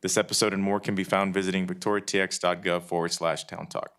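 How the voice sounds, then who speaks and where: A man reading city announcements to a council meeting in a steady, businesslike way. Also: deep voice, quick pace. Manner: steady, businesslike, some fillers. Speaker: city staff member giving announcements.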